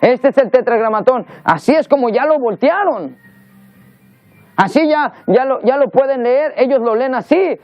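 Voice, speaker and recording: A man's voice: very high voice, animated, normal speed, no echo, faint music behind. A man preaching a teaching sermon, explaining earnestly and repeating words as he searches for the next one. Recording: dull lo-fi sound.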